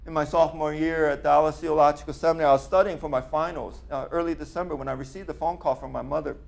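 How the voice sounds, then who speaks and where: A man's voice: a little high, fairly even intonation, fast, creaky. A middle-aged man preaching a sermon in a conversational, storytelling way, often trailing off to a near-murmur at the ends of phrases. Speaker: pastor.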